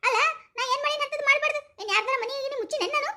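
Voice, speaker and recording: A brash young village woman , as a woman puts her on snaps back in shrill, mocking bursts with a North Karnataka Kannada accent. She talks very high and fast. It is a rustic comedy sketch. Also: bright, forceful tone, full character voice. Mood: defiant. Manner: shrill, mocking, laughing retorts.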